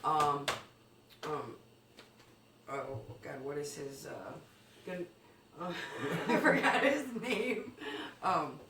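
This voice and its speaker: A woman's voice: low-pitched, very slow, pauses often, echoey room, recorded from a distance, crowd noise. A woman co-hosting a comedy news segment, telling an absurd story playfully with ums and swearing.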